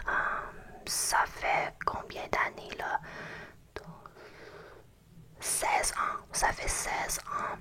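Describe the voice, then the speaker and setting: A young woman from Canada, whose first language is English, whispers a slow ASMR ramble in an English Canadian accent and often pauses to find her words. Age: young adult. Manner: hesitant, pauses to search for French words. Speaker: ASMR creator.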